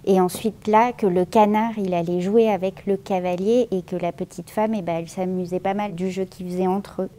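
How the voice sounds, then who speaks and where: A woman's voice: medium pitch, fairly even intonation, moderate pace, few pauses, dark tone. Woman guiding a museum tour. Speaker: museum guide. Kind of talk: guided museum tour for children.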